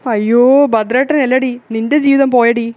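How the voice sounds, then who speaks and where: A woman voicing a dramatic middle-aged mother who wails and scolds loudly. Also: on the high side, steady tone, quick pace, dull audio, natural voice. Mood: wailing. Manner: loud, lamenting.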